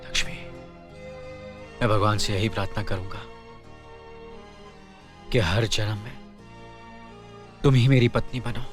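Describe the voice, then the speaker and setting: An actor playing a dignified village-head elder brother, speaking in a measured, solemn way in a Hindi film. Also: male voice, on the low side, fairly even intonation, music in the background, lightly acted. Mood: tender. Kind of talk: 1990s Hindi film dialogue.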